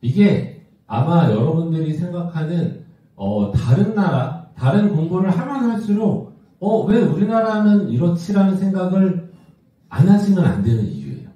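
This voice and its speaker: High-voiced and warm, with a sing-song lilt at normal speed, this South Korean executive of about fifty gives a conversational presentation to a large indoor audience, regularly posing rhetorical questions. He's recorded distantly in a muffled, reverberant hall.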